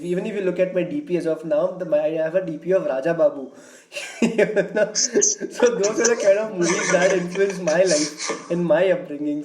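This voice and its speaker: A man's voice: sits high, dark tone. A man, chatting nostalgically on a video call with lots of fillers. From North Karnataka, India. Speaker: panel guest. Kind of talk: casual group conversation. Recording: echoey room with noise behind.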